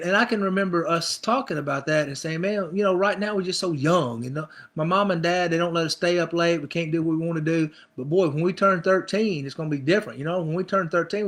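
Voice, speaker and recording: A man's voice: on the high side, fairly bright tone. A middle-aged male pastor preaching a conversational sermon, acting out people's inner thoughts with repeated phrases.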